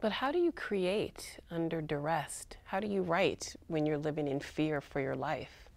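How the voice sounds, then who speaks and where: A woman's voice: sits low, expressive, unhurried, gravelly, a little mellow. A woman asking serious questions as a television interviewer.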